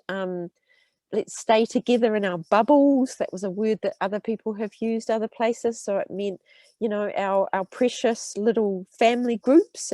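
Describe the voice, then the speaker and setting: In a mid-range voice with no echo, a stuffy-nosed urban health researcher from New Zealand, in her thirties, talks to students while nursing a cold. Her explanations are warm but full of ums and false starts.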